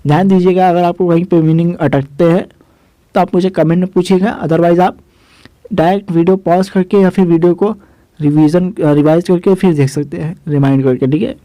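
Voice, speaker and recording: Speaking to his viewers as "guys," a young man walks through English word meanings in a vocabulary lesson, spelling each word letter by letter and repeating the meanings. His voice sits high, with a steady, dark tone at a moderate pace. The audio has no echo but is poor.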